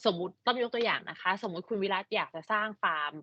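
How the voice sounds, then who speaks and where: A woman's voice: medium pitch, animated, slightly rough. A woman whose first language is Thai, interpreting and checking points on a video call. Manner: rapid restating and checking of points. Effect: video call audio. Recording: dry, dull lo-fi call audio.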